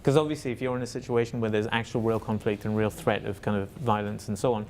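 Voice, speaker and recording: Gravelly-voiced man, thoughtful and hesitant. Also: lowish voice, fairly even intonation, fast, a little mellow, slight background noise. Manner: thoughtful, hesitant, many fillers and restarts. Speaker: facilitator, interview guest. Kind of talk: reflective conversational answer.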